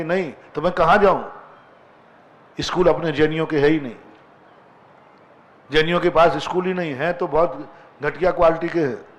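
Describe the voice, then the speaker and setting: Man, monk preacher, sermon, emphatic, rhetorical questions, fairly high voice. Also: low-quality recording. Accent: Hindi. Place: assembly hall with seated women.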